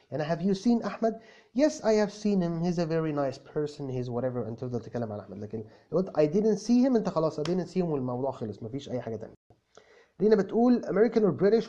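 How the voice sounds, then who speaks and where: A man's voice: high-pitched, warm tone. A man with an Egyptian Arabic accent playing a self-assured young English tutor who stammers through restarts and explains with repeated examples. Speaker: English tutor answering viewer comments. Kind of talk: comic video lesson. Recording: dull lo-fi recording.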